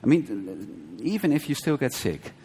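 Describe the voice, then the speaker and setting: A man teaching a conversational sermon, often checking with his listeners with a quick "right?" and restarting his sentences. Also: mid-range voice, very animated, warm tone, breathy edge. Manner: conversational, frequent "right?" checks and brief laughs, self-correcting restarts. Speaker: preacher. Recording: long hall reverb.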